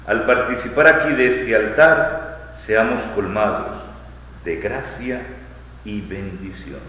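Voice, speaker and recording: A man, a bishop reciting the Eucharistic prayer in a measured, phrase-by-phrase liturgical delivery. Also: medium pitch, sharp tone. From Colombia. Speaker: bishop celebrating Mass. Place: large church. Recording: echoey church with long reverb.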